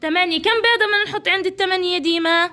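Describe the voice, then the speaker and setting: A woman's voice: extremely high pitch, rapid-fire, sharp tone. A woman teacher, coaxing and praising young children through a counting game. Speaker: preschool teacher.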